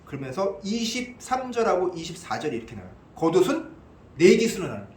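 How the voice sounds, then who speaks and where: A male pastor preaches in a church sanctuary with a high, lively voice that leaps up and down. The sound rings around the echoey hall. He keeps asking his listeners questions and answering them himself. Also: a little fast, slight background noise. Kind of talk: expository sermon.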